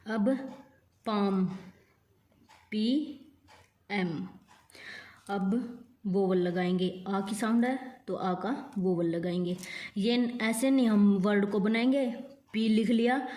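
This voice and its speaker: A woman teaching a shorthand lesson step by step, saying each word and letter slowly and repeating them. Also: medium pitch, dark tone.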